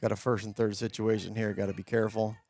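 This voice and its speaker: Give me a nasal male color commentator, somewhat low-voiced, opinionated and chatty. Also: little pitch movement, quick pace, a little mellow. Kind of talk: sports commentary.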